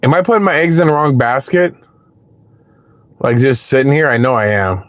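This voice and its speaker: Parked in his car while he waits for rides, a man chats casually with his live-stream viewers, rambling and swearing freely. His medium-pitched voice has lively intonation and a normal speed, and the recording is dry.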